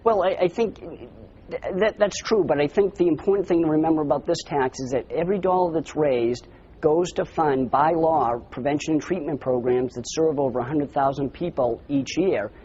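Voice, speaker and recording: A man speaking on a broadcast debate panel, measured and steady as he cites numbers. His tone is mellow and warm. The sound is dull and lo-fi, with faint background hiss. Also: on the high side. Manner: measured, citing figures. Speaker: advocate for an anti-repeal committee. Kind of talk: televised debate.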